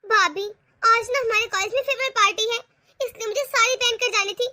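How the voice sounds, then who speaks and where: A woman voicing a spoiled, eager young college girl in an animated family cartoon, wheedling to get her way. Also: very high voice, a little fast, no echo, clean studio sound, heavily acted.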